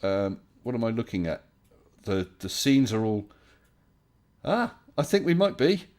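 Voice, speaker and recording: A man's voice: mid-range voice, big pitch swings, unhurried, darkish tone. A man hosting a casual live stream, chatting politely and welcoming people as they join.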